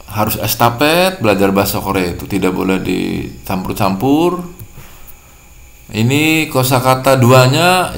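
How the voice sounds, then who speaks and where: A man's voice: on the low side, creaky, reverberant. A man teaching a language lesson, patiently repeating and translating each word. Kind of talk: classroom-style lesson explaining vocabulary.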